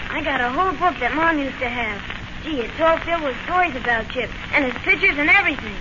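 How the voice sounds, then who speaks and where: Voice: sits high, expressive, fast talker. A performer playing an eager, devoted nine-year-old boy in an old-time radio drama, earnest and plaintive, speaking in boyish slang. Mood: proud, eager. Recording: noisy, muffled old radio recording.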